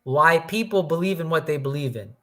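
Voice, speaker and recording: A man's voice: on the high side, lively intonation, brisk, a bit bright. A man in a casual philosophical conversation, rambling thoughtfully and often reaching for words with many likes. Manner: rambling, filler-heavy, thoughtful.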